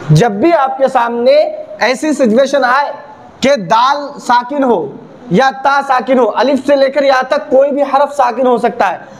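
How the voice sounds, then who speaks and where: A man teaching the rules of Quran reading in a video lesson. He asks questions and answers them himself, repeats key points, and slows down to spell out the letter sounds. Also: very high-pitched.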